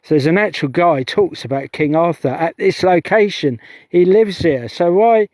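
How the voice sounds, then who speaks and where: Speaking in a slightly high, darkish voice, this middle-aged UFO-investigating vlogger streams live from an outdoor heath. His talk is chatty and meandering and keeps breaking off and restarting. The recording is dry.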